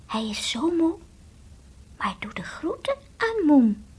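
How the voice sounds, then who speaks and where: A woman's voice: expressive, a little slow. A woman voicing a timid, childlike toy dog in an old radio play, earnest and confiding, sometimes whispering. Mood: hushed. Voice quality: high childlike voice, drops to whispers. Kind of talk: 1960s radio drama acting.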